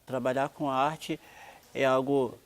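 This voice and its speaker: A male actor speaks in a documentary interview. He is sincere and measured, choosing his words with care. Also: medium pitch, level tone. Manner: earnest, measured.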